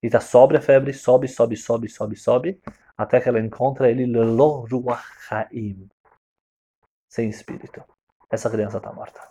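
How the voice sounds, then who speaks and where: A man teaching a religious lesson as a story, animated and checking in with his listeners. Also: mid-range voice, a little slow, gravelly, husky. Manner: animated, checks in with tag questions, swings loud and soft. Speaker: Torah teacher.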